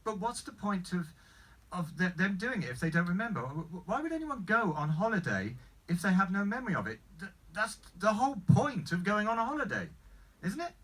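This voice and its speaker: A man's voice: sits high, very animated, brisk, a bit bright, recorded from a distance, heavily acted. A man acting as a baffled, sceptical customer at a screenplay table read, hesitant and questioning, stammering as he goes. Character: baffled, sceptical male customer probing for the catch.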